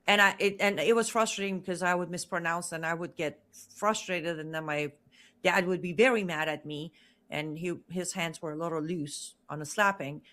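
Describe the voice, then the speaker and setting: A woman whose first language is Farsi tells her own story as an interview guest, speaking earnestly and emphatically and repeating words for stress. Her voice is on the low side and fairly bright, at a moderate pace.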